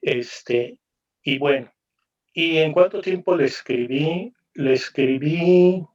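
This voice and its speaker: A man's voice: on the high side, takes it slowly, far from the mic. A man talks over a video call about his writing, taking his time and thinking aloud as he goes. He keeps checking in with little tag questions. The sound is dull and lo-fi, and he sits back from the microphone. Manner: reflective, musing, frequent tag questions. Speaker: novelist guest presenting his book. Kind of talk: literary panel talk.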